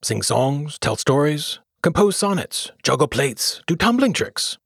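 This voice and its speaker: A man's voice: on the high side, big pitch swings, unhurried, gravelly, husky, dry recording, studio quality, pitched above the performer's own voice, exaggerated voice. A man voicing a huge, irritable old king in a storybook reading, pompous and commanding. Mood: imperious.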